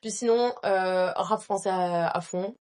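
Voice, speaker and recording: A woman's voice: medium pitch, unhurried, darkish tone. Chatty young woman co-hosting. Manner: chatty, trailing off with fillers. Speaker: podcast co-host. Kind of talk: casual chat.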